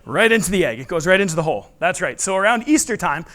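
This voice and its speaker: A man's voice: high-pitched, animated, quick pace, a bit bright. A man performing live as a magician, teaching tricks with playful kids party patter, teasing and putting questions to his audience. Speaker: stage magician. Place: live show in a room before a responding audience.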